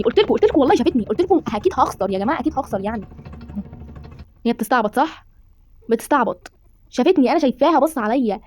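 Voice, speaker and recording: A woman's voice: on the high side, darkish tone, a little hiss or hum. A woman with an Egyptian accent narrating a horror game for her viewers, dramatic and full of exclamations. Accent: Egyptian Arabic. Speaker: gaming streamer.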